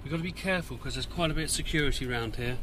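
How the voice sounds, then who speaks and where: A man presenting a deadpan mock-conspiracy video outdoors in the countryside, hesitant and full of ums, talking in a mock-secretive way into a handheld camera. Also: a little high, racing. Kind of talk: deadpan comedy mockumentary. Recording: loud outdoor noise.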